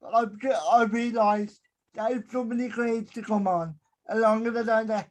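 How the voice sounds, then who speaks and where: A man hosting a podcast over a call, speaking carefully with a hesitant, soft-spoken manner. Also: sits high, fairly even intonation, moderate pace. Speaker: podcast host. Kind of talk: casual interview chat.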